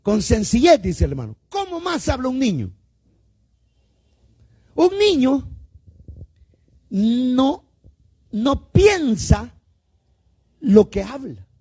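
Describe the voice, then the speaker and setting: This Salvadoran-accented pastor preaches at a church service in a very high voice full of huge pitch swings and a breathy edge. Addressing listeners as "hermano," he quizzes the congregation, stretches emphatic words out, and moves back and forth between loud and soft.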